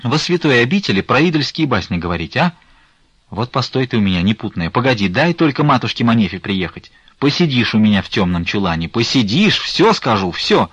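A man's voice: mid-range voice, sing-song, fast, hardly any pauses, slightly rough, no room sound, muffled recording. A man voicing a fussy, scolding but kind-hearted old woman nun in an audiobook. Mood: threatening.

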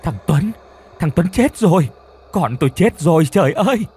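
A man voicing a frantic old grandmother who wails and shrieks in a husky voice. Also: on the high side, lively intonation, normal speed, a little mellow, voice pushed up. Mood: wailing. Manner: wailing cries.

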